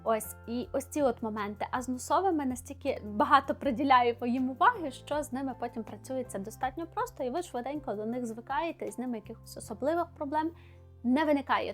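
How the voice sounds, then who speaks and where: A woman teaching Polish pronunciation, explaining patiently and clearly, demonstrating sounds slowly and repeating them. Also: a little high.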